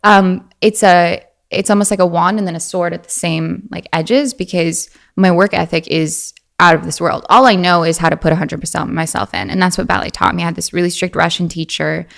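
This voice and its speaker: Talking a little fast with few pauses, a twenty-something woman guest in an interview speaks casually and animatedly, with vocal fry and frequent slips into a high girlish voice.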